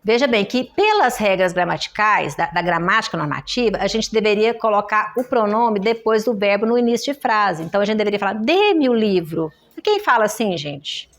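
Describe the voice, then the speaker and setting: A woman's voice: mid-range voice, fairly quick, hardly any pauses, a bit bright. A woman with a Brazilian Portuguese accent teaching a classroom lesson on writing errors, explaining step by step and often checking in with her students. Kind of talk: classroom lecture. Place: in-person workshop room.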